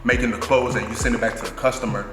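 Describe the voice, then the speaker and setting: A man from Nigeria, a clothing brand owner, talking in a casual interview in a relaxed, thoughtful way, with plenty of fillers. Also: mid-range voice, very fast. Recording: echoey room with long reverb and music behind.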